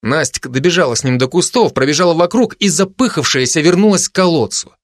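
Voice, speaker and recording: A man's voice: on the high side, fast, no echo, studio quality. Man reading a children's fantasy story. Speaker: audiobook narrator. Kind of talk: storybook narration.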